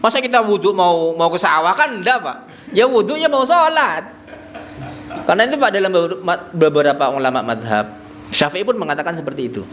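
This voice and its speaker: A man's voice: high-pitched, animated, a little fast, a bit bright, slight background noise. A man giving an Islamic study lecture in a small prayer hall, addressing the men as "Pak" and posing questions to them that he answers himself. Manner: tags nearly every phrase with "Pak". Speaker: Islamic religious teacher. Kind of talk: mosque study-circle lecture.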